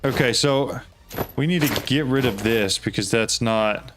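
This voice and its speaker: A man streaming a game and talking to himself as he works, his voice at an ordinary middle pitch. He keeps asking quick, puzzled questions as he hunts for things. Faint game music plays behind him. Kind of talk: casual live gameplay talk.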